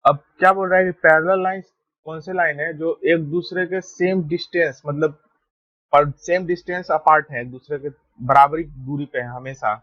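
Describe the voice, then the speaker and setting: Male teacher, voice on the high side, dry close-mic recording, patient explainer. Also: moderate pace, no echo, muffled recording. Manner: steady, repeats "ठीक है" to check understanding. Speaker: math teacher. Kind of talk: explaining a lesson while drawing.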